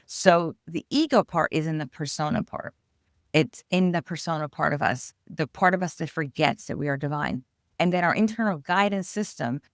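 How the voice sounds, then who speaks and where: At a moderate pace and with a low-pitched voice, an author from New York speaks earnestly as an interview guest on spiritual growth. The talk is flowing and explanatory, recorded in studio quality without any room sound.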